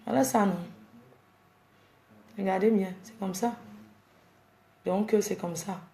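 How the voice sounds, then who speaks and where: A woman's voice: medium pitch, fairly even intonation, takes it slowly, mellow, reverberant. A woman ranting at her fans on a casual live stream, scolding and exasperated as she lectures her viewers. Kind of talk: casual Facebook live rant.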